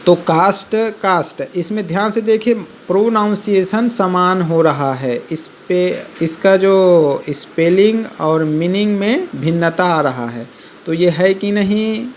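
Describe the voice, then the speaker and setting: A male teacher giving a vocabulary lesson, explaining slowly, repeating each word and spelling it out letter by letter. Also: high voice, a little hiss or hum.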